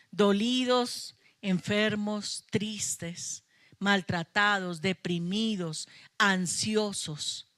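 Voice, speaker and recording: A woman's voice: medium pitch, a bit bright, no echo, studio quality. A middle-aged woman pastor, preaching a sermon with emphatic passion and playful asides to her congregation. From Colombia. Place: church sanctuary.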